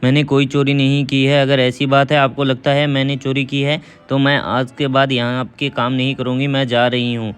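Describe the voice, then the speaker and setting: A man voicing a poor, anxious housemaid who pleads that she is innocent, in a smooth, flat voice. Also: mid-range voice, normal speed, hardly any pauses, soft background music, lightly acted. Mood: pleading. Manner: pleading, defensive.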